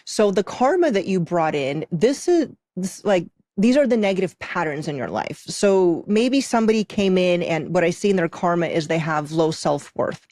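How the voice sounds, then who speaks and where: Speaking at normal speed with hardly any pauses, this woman has a lowish, expressive, darkish voice in a dry, clean studio recording. As a podcast guest, the intuitive soul contract reader, who left Moldova for the US at eight, emphatically describes her practice and keeps checking in with questions.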